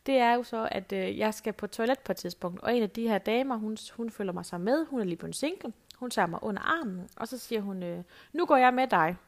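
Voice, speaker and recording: Middle-aged woman, mid-range pitch, chatty host telling anecdotes, lots of hesitations. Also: hardly any pauses. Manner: chatty anecdotal storyteller, many fillers. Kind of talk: casual storytelling monologue.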